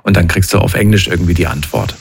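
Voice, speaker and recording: A man with a low, creaky, breathy-edged voice interviews a guest in a relaxed conversation, talking fast. He asks long, reflective questions and often checks in with short tag questions.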